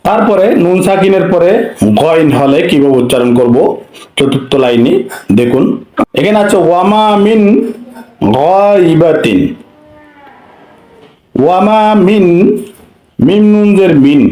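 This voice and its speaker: A man's voice: a little high, a little mellow, echoey room, poor audio. A man teaching Quran recitation rules, spelling out letters and vowel marks one by one and chanting short verse examples. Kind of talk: tajweed lesson with recited examples.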